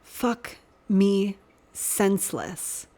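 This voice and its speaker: A woman's voice: medium pitch, animated, moderate pace, a little mellow, lightly acted. Sirius: a woman doing a cheeky young man. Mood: teasing, frank. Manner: teasing, blunt and frank.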